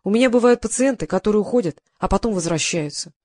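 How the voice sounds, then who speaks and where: A woman narrates a detective story in the first person, with ironic and lively delivery. Her voice sits at a middle pitch. The recording is dry and close, with no room sound. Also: fast talker, no room sound. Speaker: audiobook narrator.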